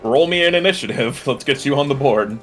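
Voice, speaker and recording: A man's voice: mid-range voice, animated, a little fast, a bit bright, faint music behind. A man narrating and running a tabletop game as the game master.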